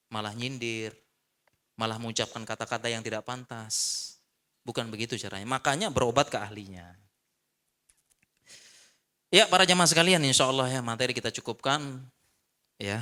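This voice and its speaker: Animated bright-voiced male preacher. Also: fairly low pitch. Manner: animated, repeats short refusals, addresses the congregation. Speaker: Islamic preacher. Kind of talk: mosque lecture with Q&A. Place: mosque.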